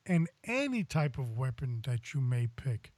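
A man's voice: medium pitch, big pitch swings, a little slow, darkish tone, no echo, studio quality. An American man hosting a podcast in a casual, folksy, wordy way. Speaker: podcast host.

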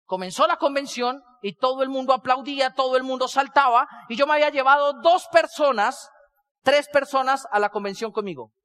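A man with a notably high voice delivers a motivational talk to a business convention. He tells stories in a conversational way and then pushes into loud, emphatic stretches. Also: fairly quick, smooth. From Colombia. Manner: storytelling, building to loud emphatic passages.

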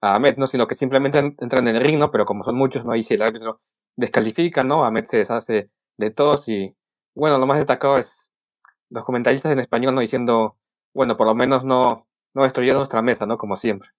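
Halting man on a dull lo-fi track. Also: mid-range voice, no room sound. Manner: halting, peppered with '¿no?' tag questions. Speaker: podcast co-host reviewing wrestling. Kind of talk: casual opinion chat.

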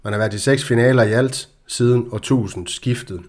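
A man hosting a casual football podcast, chatty and hesitant, with frequent fillers. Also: medium pitch. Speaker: podcast host.

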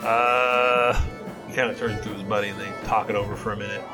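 A man's voice: on the low side, steady tone, brisk. A man running a tabletop game as game master, narrating casually. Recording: music behind the voice.

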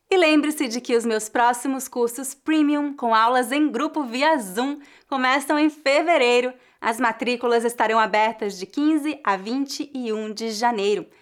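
A woman with a Brazilian accent giving a scripted language lesson, saying model phrases slowly and clearly, then repeating them. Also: fairly high pitch, fairly bright tone. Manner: slow, carefully articulated model phrases repeated at varying speeds. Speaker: Portuguese teacher.

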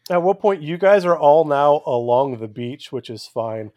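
A man's voice: a little high, lively intonation, normal speed, a little mellow, no room sound. A man running a tabletop game, narrating and refereeing in an explanatory way with hesitant phrasing. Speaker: game master.

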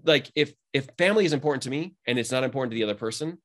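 A man, a mindset coach, talking energetically in a casual conversation, his pitch jumping up on emphatic points. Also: very fast. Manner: energetic, motivational, rising pitch when emphatic.

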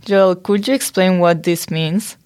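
A young woman from Spain co-hosts a student podcast, reading from notes with small stumbles. Her voice is fairly low, smooth and darkish, and a little slow.

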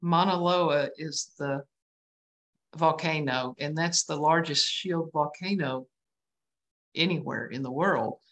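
A woman from West Texas with a West Texas twang, chatting as a guest on a video call in a halting, self-deprecating way. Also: deep voice, a bit bright. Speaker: guest artist, painter. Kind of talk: casual interview chat over video call.

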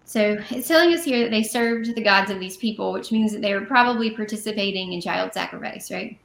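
A woman's voice: mid-range voice, a little fast, gravelly, a bit bright, roomy sound, slight background noise. A woman co-hosting a casual podcast, reading Bible passages aloud and then explaining them in a chatty way with fillers and self-corrections. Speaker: podcast co-host.

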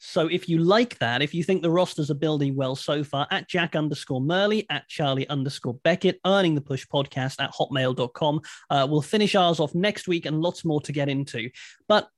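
Man, podcast co-host, enthusiastic, emphatic, higher pitch, dry close sound. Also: moderate pace, no room sound. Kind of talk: casual podcast chat.

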